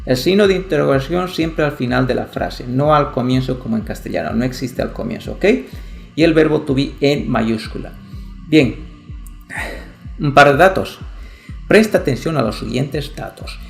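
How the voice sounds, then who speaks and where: This is a male teacher, giving a step-by-step online grammar lesson. His mid-pitched voice carries a noticeable gravelly fry. He often pauses to check understanding with a quick "¿ok?", and soft music runs faintly behind him. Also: animated. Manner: explanatory, frequent "¿ok?" checks. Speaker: English teacher.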